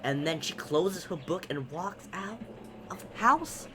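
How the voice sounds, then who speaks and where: A man voicing a cranky, stubborn old farmer, reading his lines aloud in a loud, declaiming way that climbs into a strained high voice. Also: lively intonation, a little slow, background noise.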